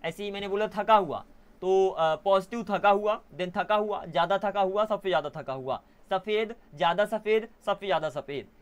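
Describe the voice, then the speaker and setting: A young man teaching an online English class in a casual way, often pausing to correct himself. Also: high voice, smooth. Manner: casual, self-correcting, mixes Hindi and English.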